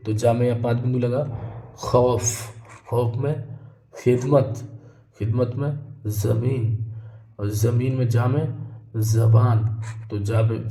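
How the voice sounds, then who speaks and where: Male teacher, very mellow and dark tone, patient step-by-step classroom explaining, roomy echoey recording. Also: medium pitch. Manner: patient, explains step by step, often says "ठीक है" between points. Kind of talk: classroom grammar lesson.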